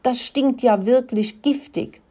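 A woman voicing a calm, patient father mouse explaining things in a storybook reading. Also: a little high, slow pace, voice pushed up.

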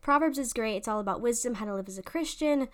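A young woman hosting a faith podcast, talking in a fast, excited, gushing way. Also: a little high. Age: young adult. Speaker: podcast host. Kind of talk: casual faith podcast monologue.

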